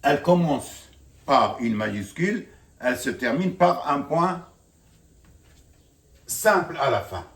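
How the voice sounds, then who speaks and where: A man teaching a grammar lesson as a French teacher, explaining slowly and often repeating "bien sûr". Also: medium pitch, animated. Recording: roomy, from far off the mic.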